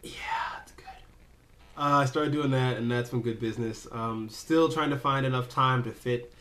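A man's voice: mid-range voice, moderate pace, fairly bright tone. Rambling young man vlogging casually. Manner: rambling, self-interrupting, jokey. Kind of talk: casual direct-to-camera vlog.

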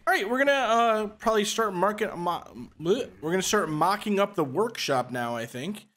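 Brief: male game-channel host, lively swooping delivery, teasing and instructive co-op banter. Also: high voice, moderate pace. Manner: joking, instructive, laughs often. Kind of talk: casual gameplay commentary.

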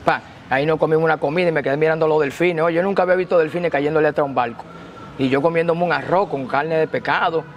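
Guy telling his story all animated and slangy, kinda high voice, faint noise behind. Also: fast, highs cut off. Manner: animated, slangy, acts out quotes. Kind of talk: casual storytelling.

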